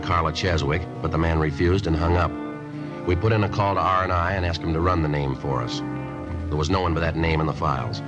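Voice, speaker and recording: A low-pitched male voice, close to an everyday speaking voice, belongs to an actor playing a stoic, methodical American police detective. He narrates a radio crime drama in terse, deadpan, matter-of-fact phrases.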